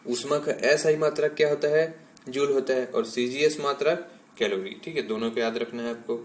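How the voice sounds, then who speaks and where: Male science teacher, classroom lecture, mid-pitched voice, explanatory, keeps checking in with students, drops English terms in. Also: moderate pace. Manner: explanatory, checks in with "ठीक है" after nearly every point.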